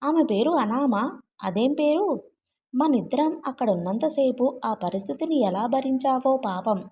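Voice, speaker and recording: A man's voice: very high voice, animated, a little slow, warm tone, a little hiss or hum. A woman reading a brash young man's long rambling, self-mocking speech in a storybook. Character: rambling male friend, brash and wry.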